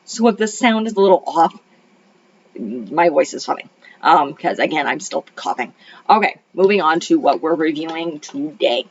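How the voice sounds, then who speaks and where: Sitting low and sounding animated, her voice moves at a moderate pace with a breathy edge. A middle-aged retired librarian and homeschool mom, she is recovering from a cold that has thrown her voice off a little. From her Arizona home, she rambles through a casual film review full of ums and restarts, in dull lo-fi audio.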